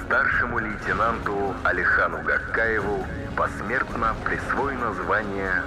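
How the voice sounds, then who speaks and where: A low-voiced male narrator reads like a Soviet wartime announcer. His delivery is formal, solemn and measured, set over loud music with battle sounds. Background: loud music, artillery and engine sounds.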